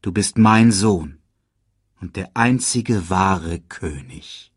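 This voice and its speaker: The ghost of a solemn male lion king, as a male narrator puts him on, speaking low, soft and slow. His husky voice sits close and dry. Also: no echo, exaggerated voice.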